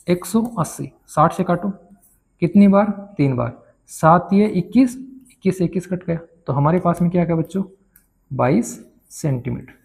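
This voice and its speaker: A man's voice: a little high, vocal fry, a little mellow. A man teaching a maths lesson, who keeps asking his students questions and then answers them himself. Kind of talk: classroom-style maths lesson.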